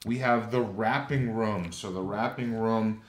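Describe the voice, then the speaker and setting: Brief: low-pitched man, casual game explainer, echoey room with faint background noise. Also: steady tone, a little slow. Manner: walks through rules step by step, thinking aloud. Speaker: game designer explaining a board game.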